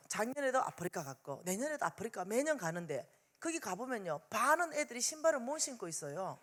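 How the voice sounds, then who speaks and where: A woman with a Gyeongsang Korean accent, telling a story in a revival sermon and acting out the dialogue. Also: fairly high pitch. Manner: animated, acts out dialogue in story. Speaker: revival meeting speaker.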